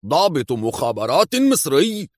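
A man voicing a furious, shouting European villain in an audiobook reading, high-strung and yelling. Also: sing-song, moderate pace, no room sound, studio quality. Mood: alarmed.

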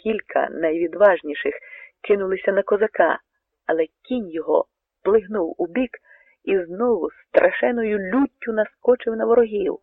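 A male storyteller reads a dramatic tale, dropping to hushed tones and then pressing hard on key words. His voice sits a little high for a man, with gravel and a husky edge. The sound is narrow and phone-like, close and dry. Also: normal speed, no echo. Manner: dramatic, swinging between hushed and emphatic. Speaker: narrator. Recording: narrow tinny radio recording, dry.

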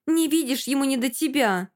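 A woman's voice: expressive, normal speed. A woman reading an audiobook voices a spiteful young woman rival who sneers and shrieks. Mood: sneering. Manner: shrill, sneering.

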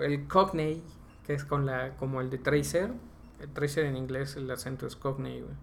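A young man with a Mexican accent talks through a casual podcast chat, going on at length and ending almost every phrase with the same slang tag. His voice has a gravelly, creaky edge at a middling pitch. A faint hiss of noise sits under the recording. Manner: explains at length, tags nearly every phrase with slang filler. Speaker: podcast co-host.

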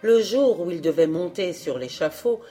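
A woman reading a folk tale aloud in a calm, measured narration. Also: lowish voice, faint music behind. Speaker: audiobook reader.

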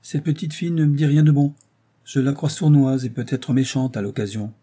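Brief: male narrator as a careful, fretful husband, husky, mellow. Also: medium pitch, fairly even intonation, fairly quick, pitched above the performer's own voice, lightly acted. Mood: alarmed. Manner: earnest, confiding, fretful. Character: cautious, secretive middle-aged husband, an office clerk. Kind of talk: audiobook character reading.

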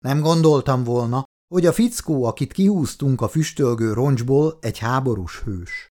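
A man's voice: medium pitch, expressive, a little mellow, lightly acted. A male audiobook reader voicing a curious, earnest young woman official who asks questions directly and with polite insistence. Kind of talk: audiobook character voice.

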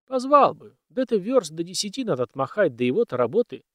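A man's voice: high-pitched, sing-song, fast talker, a bit bright, dry recording, studio quality, pitched above the performer's own voice. A man voicing a cautious, dutiful old male house servant who speaks in a plain, folksy way. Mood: homely.

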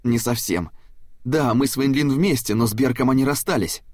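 A man's voice: mid-range voice, normal speed, no echo, studio quality, voice pushed up, natural voice. A man playing a defiant teenage son. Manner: defiant, shouting. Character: defiant eighteen-year-old son.

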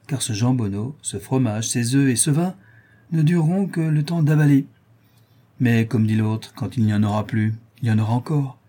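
A man's voice: medium pitch, mellow, breathy edge, natural voice. A man reading an audiobook and voicing a sardonic young male criminal who taunts and wheedles. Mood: wheedling. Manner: taunting, sing-song and wheedling. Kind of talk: audiobook character voice.

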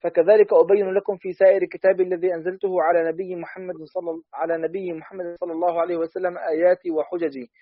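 A man reading a classical text aloud in a quick, steady recitation for a study lesson. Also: sits high, no room sound. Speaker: student reader. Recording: dry, dull lo-fi audio.

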